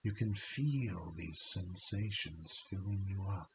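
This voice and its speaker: A man leading a guided relaxation in a soft, hypnotic way, drawing out short phrases with long pauses and sometimes dropping to a breathy half-whisper. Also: deep voice. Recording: steady tape hiss.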